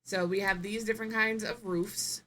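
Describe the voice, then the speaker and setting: A woman's voice: mid-range voice, steady tone, moderate pace, fairly bright tone. A woman streamer giving casual live gameplay commentary, thinking aloud, musing and correcting herself as she goes.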